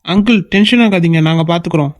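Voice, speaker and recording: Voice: medium pitch, fast, dry recording, clean studio sound, close to an everyday voice. A performer voicing a confident cartoon big brother. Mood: reassuring. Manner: confident, reassuring, scolding. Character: young man, reassuring bossy elder brother. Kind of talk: cartoon voice acting.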